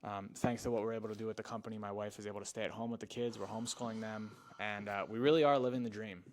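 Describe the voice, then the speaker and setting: A painting company owner giving an emotional, halting video testimonial, with restarts and fillers. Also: male voice, lowish voice, steady tone, a little mellow.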